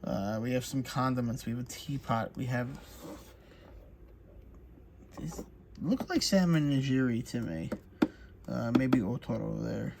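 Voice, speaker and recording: Relaxed chatty man unboxing a craft kit. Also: mid-range voice, gravelly, background noise. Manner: relaxed, chatty, many fillers. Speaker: crafts channel host. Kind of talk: casual unboxing walkthrough.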